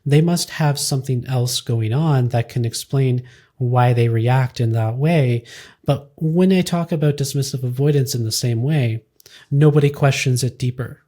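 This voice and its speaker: Mellow, dark-voiced podcast host. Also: medium pitch, moderate pace. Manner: reflective, agreeing then building on the point. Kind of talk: casual podcast interview.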